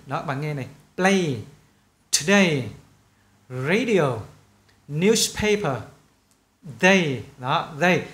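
Lively Vietnamese male English teacher. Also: a little high, roomy sound. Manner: lively, repeats model words slowly and loudly. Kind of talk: pronunciation lesson.

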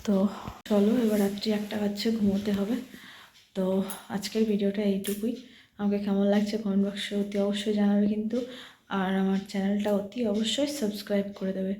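A woman vlogger talking quietly and softly to her viewers from her bedroom at night, on a hand-held phone. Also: medium pitch, level tone, brisk, reverberant, a little hiss or hum. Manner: speaking quietly and softly so as not to wake sleepers. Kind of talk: late-night vlog talk to viewers. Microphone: phone camera held by hand.

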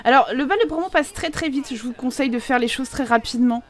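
A young woman giving chatty, excitable commentary while playing a life simulation game, laughing often and exclaiming. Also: high voice, fast. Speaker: gaming video host. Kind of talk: casual Let's Play commentary.

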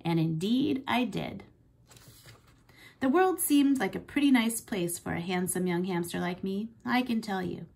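A woman teacher reads a chapter book aloud with expressive storytelling. Her voice is husky and gravelly, at a middle pitch for a woman. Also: a little slow. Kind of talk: classroom read-aloud.

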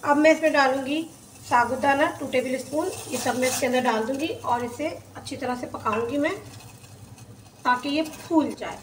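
In a casual voice-over from her home kitchen, a cooking-channel host talks step by step through a home recipe. Her voice is high-pitched, and the echoey room carries a little hiss or hum.

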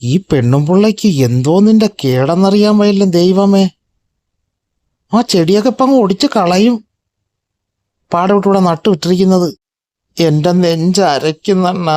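A man's voice: sits high, darkish tone, no echo, pitched above the performer's own voice, close to an everyday voice. A man voicing a tearful, fussy older female cat in a pet vlog, whining and scolding.

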